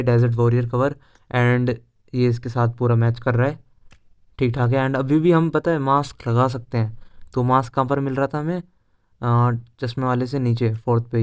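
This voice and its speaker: As host of a game walkthrough video, a young man with an Indian accent keeps his commentary casual and chatty, mixing English words into his Hindi. He has a smooth, mid-range voice with a darkish tone.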